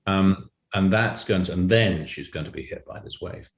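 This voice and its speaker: A man with a low voice at normal speed speaks as an interview guest in an echoey room. A writer and director, he tells illustrative anecdotes about his creative work.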